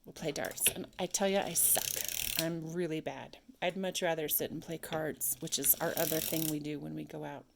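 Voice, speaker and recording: A woman's voice: deep voice, fairly even intonation, normal speed, vocal fry, background noise. Chatty woman over a clicking sock machine. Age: adult, married. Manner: chatty, talks to herself, bursts of silly sound effects. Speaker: sock-knitting vlogger. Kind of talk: casual chat while working a sock machine. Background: clicking sock machine mechanism.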